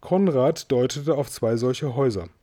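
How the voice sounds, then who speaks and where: A man reading a storybook aloud in a steady, even-toned storytelling manner. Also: mid-range voice, normal speed. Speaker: audiobook reader.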